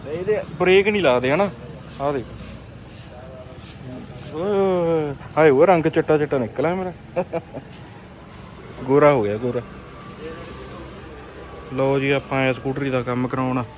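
Young male vlogger, slightly high voice, playful and exclamatory, clear traffic noise. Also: moderate pace, pauses often. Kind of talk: casual vlog chat. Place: outdoors on streets and at a scooter workshop. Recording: noisy outdoor vlog with traffic.

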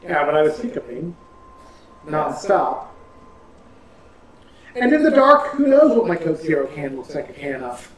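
A talkative man with a high voice jokes around and explains game mechanics during a let's-play. He sits back from the mic in an echoey room, with a faint hiss under him. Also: big pitch swings, measured pace, pauses often, recorded from a distance. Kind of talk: casual gaming commentary.

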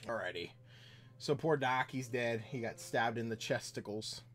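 A man's voice: medium pitch, moderate pace, fairly bright tone. A man streaming a video game, chatting casually with viewers as he plays. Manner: rambling, chatting with viewers while playing. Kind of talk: casual gameplay chat.

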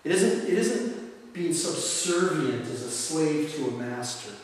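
A man's voice: fairly high pitch, lively intonation, unhurried. A man, a deacon, teaching scripture to a parish group in an emphatic way, restating points and asking rhetorical questions. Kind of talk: church talk, teaching. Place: parish hall or church. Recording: roomy hall, distant mic, faint hiss.

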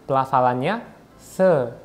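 A man's voice: mid-range voice, expressive, takes it slowly, background noise. A man teaching a video language lesson, playful and repeating each sound several times so learners can follow.

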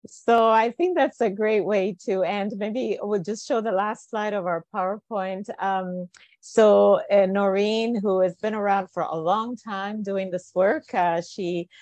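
A woman's voice: medium pitch, steady tone, measured pace, darkish tone, no room sound. A woman host closing an online presentation, speaking with many fillers and restarts. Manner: filler-heavy, hesitant. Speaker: webinar host.

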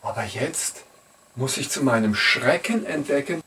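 A man preaching in a slow, searching monologue, weighing each thought aloud. His voice sits at a middling pitch and sounds slightly distant from the microphone. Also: animated, sharp tone, a little hiss or hum. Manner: slow, searching, with frequent pauses and self-questioning. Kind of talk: reflective sermon monologue.

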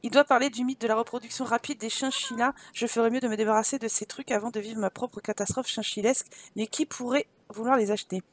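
A woman's voice: on the high side, steady tone, fast, hardly any pauses. A woman hosting a gaming video, chatting playfully and reading in-game dialogue aloud from a close microphone. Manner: chatty and playful, reacting with laughs and asides. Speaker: gaming channel host.

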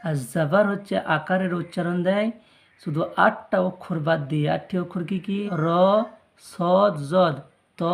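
A Quran reading teacher leading a slow letter-by-letter drill, spelling out syllables and repeating each word, with quick, quieter asides explaining the rules. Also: mid-range voice, vocal fry. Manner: spells out syllables, then repeats whole words.

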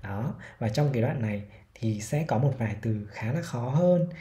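A man with a Vietnamese accent giving a casual pronunciation lesson, slowly demonstrating sounds and repeating example words. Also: mid-range voice, lively intonation, dark tone. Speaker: English pronunciation teacher.

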